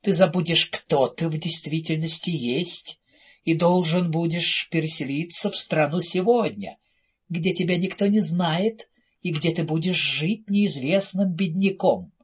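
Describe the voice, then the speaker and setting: A man voicing a wicked, cold-blooded fairy woman who hisses her words slowly and sweetly. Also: fairly high pitch, slightly rough. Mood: sly, sugary. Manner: hissing, slow and drawn out. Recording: dull lo-fi audiobook recording.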